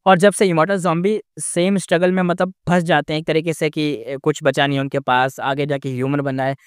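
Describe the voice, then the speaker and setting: Male recap narrator, rambling and casual, slightly high and smooth, close dry mic. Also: flat delivery, fairly quick, no room sound. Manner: rambling, with frequent fillers and self-corrections.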